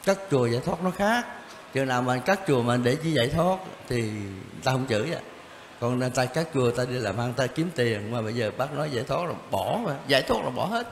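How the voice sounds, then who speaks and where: An older man, a Zen teacher answering questions in a blunt, casual way, chuckling and repeating himself. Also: mid-range voice. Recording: reverberant room, faint background noise.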